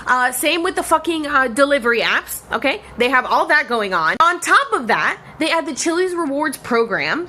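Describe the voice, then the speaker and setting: A woman's voice: high voice, bright, forceful tone. A woman in her thirties, a longtime server, ranting angrily and profanely about her work in a vlog. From Florida. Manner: heated, profane, sarcastic rant. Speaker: former restaurant server and content creator. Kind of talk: angry rant vlog.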